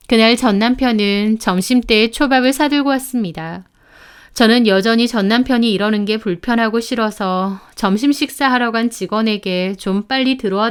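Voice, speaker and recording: A woman narrating a dramatic story in an even, conversational manner. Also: fairly high pitch, clean tone.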